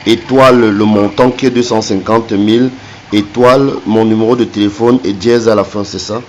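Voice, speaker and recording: A man from Cameroon on a recorded phone call, slow and hesitant when reading numbers back, then taunting the caller with repeated insults. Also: lowish voice, steady tone, a little hiss or hum. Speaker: phone call recipient exposing a scammer.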